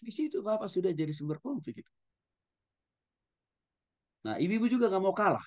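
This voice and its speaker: A male pastor giving a conversational lecture, speaking gently and often turning to address his listeners directly. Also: high-pitched, very animated, normal speed. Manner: soft-spoken, gentle. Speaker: pastor and teacher. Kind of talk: conversational Bible-school lecture.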